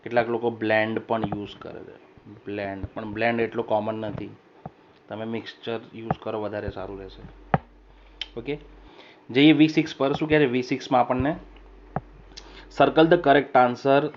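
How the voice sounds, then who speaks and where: Using a mid-range voice with fairly even intonation, a male teacher takes a class through English vocabulary, reading each example sentence slowly and louder and then explaining it. He keeps asking short questions to confirm students follow. The lesson was taped on a dull lo-fi voice recorder with faint hiss.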